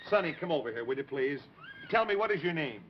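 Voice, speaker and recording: A man playing an excitable, folksy host of a 1950s children's television show, speaking emphatically and repeating himself for the kids. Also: a little high, quick pace, background noise. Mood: insistent. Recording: muffled 1950s TV recording with music.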